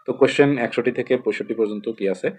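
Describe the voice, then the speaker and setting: A man's voice: mid-range voice, racing, a little mellow, slightly rough. A man with a Bangladeshi Bengali accent, teaching an exam-prep lesson in a rambling way, repeating and spelling out words. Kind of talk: casual explanatory lesson.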